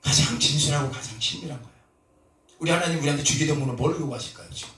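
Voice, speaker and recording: A middle-aged man preaching a sermon with passion, moving between soft talk and shouted cries. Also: fairly high pitch, very fast. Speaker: pastor. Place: church sanctuary. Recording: roomy church echo, from a distance.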